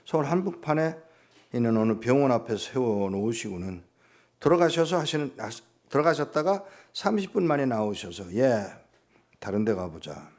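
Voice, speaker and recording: A man's voice: medium pitch, big pitch swings, normal speed, a little mellow. A man preaching as a guest pastor, telling stories and acting out dialogue with his mother in his sermon. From Korea.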